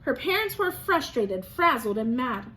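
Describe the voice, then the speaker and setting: A woman reads aloud to young children as a teacher, in a sing-song, expressive way, pausing to prompt answers from her listeners. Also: a little high, low-quality recording.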